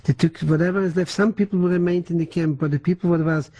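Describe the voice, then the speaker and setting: An older man who is not a native English speaker gives oral history testimony in a halting way, full of restarts and German words. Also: a little high, fairly even intonation, dark tone, low-quality recording. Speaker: interviewee.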